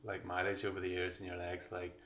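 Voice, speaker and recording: A man with a slightly low voice, recorded in an echoey room. He interviews casually, in halting, informal phrases that he often restarts. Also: monotone, fairly bright tone. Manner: informal, halting questions with self-corrections. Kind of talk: casual chat.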